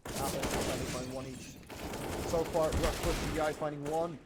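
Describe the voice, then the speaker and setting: Unhurried yet excitable, a male esports caster delivers live play-by-play of a shooter amid very noisy audio, game gunfire included. During fights he climbs in pitch and volume, while between rounds he's calm.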